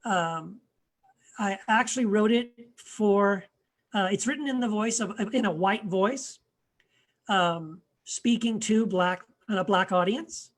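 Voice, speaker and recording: A man, an author and blogger, introducing his writing in a casual, hesitant way with frequent pauses and restarts, his voice often trailing off quietly. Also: sits high. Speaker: author and blogger, guest reader.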